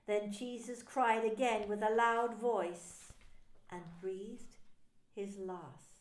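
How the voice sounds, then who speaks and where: A woman pastor narrating a scripture story in a slow, solemn reading. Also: medium pitch, fairly even intonation, echoey room.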